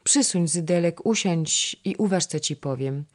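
A narrator voicing a gentle, older royal princess calmly giving orders to her attendants in a historical storybook. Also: medium pitch, a little slow, voice pushed up, natural voice. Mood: kindly.

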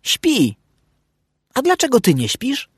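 A man's voice: very high-pitched, huge pitch swings, slow pace, slightly rough, dry recording, studio quality, pitched above the performer's own voice, full character voice. A man voicing a cheeky, contrary young male puppy talking back, in a storybook reading. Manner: pert, defiant.

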